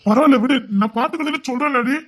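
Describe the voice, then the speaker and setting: An actor playing a jobless husband in a family drama, speaking Tamil with a Tirunelveli accent in an anxious, pleading way, at times slowed down by tears. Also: male voice, very high voice, fairly bright tone. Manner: anxious, pleading, cries and slows when upset. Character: jobless husband, guilt-ridden and tender. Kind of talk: web series family drama.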